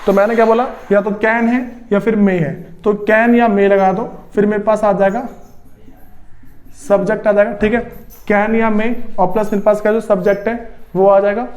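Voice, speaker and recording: A high-voiced man, a native Hindi speaker, teaches his students English grammar in a darkish tone with little pitch movement. Speaking slowly, he restates each rule and keeps clearing his throat between steps of the spoken lesson.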